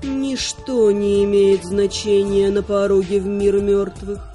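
A woman's voice: mid-range voice, little pitch movement, unhurried, mellow, soft background music, voice pushed down, natural voice. A woman voicing an inhuman female spirit who comes for souls, with a rustling, eerie voice, in an audiobook. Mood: cold.

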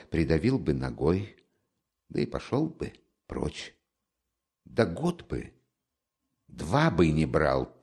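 A man's voice: low voice, full character voice. A man reading the part of a feverish, overwrought young student who mocks and taunts the man he is talking to. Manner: mocking, nervous, teasing. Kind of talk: audiobook character reading.

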